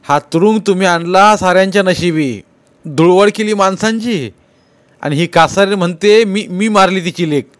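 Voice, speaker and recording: A man's voice: high voice, normal speed, dry recording, pitched above the performer's own voice, close to an everyday voice. A man voicing a stern, fed-up old villager. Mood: stern, scolding. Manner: loud, forceful scolding.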